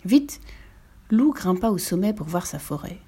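A woman reading a children's storybook aloud as the narrator, in a lively, expressive way. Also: lowish voice, moderate pace, husky.

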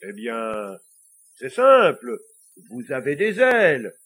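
A man voicing a stern, suspicious old pope giving measured advice in a storybook reading. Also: mid-range voice, huge pitch swings, fairly bright tone, slightly rough, full character voice. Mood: advising.

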